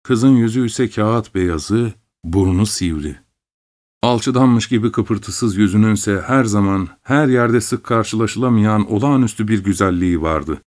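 A man narrating a story in the first person with a measured, dramatic reading. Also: on the low side, darkish tone. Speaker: audiobook reader.

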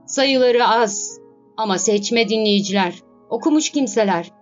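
A woman's voice: fairly high pitch, a little slow, close to an everyday voice. A woman voicing a frustrated, struggling male poet and playwright who keeps sighing and complaining, in a storybook reading. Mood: resigned. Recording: slightly dull recording, faint music.

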